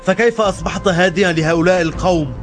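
A man's voice: high-pitched, rapid-fire, faint music behind, close to an everyday voice. An actor playing an indignant Judean man who rebukes others in a dubbed historical drama. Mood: indignant, scolding.

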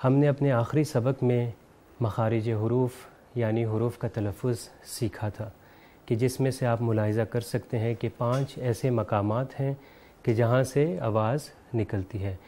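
A man hosting a televised lesson, explaining Arabic pronunciation in a measured way and saying letters out slowly to demonstrate. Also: medium pitch, steady tone, warm tone. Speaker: Quran recitation teacher and show host.

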